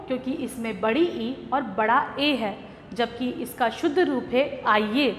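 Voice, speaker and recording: A woman teacher, giving a grammar lesson to young children in a slow, patient way. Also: on the high side, roomy sound, in a large hall, slight background noise. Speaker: school teacher.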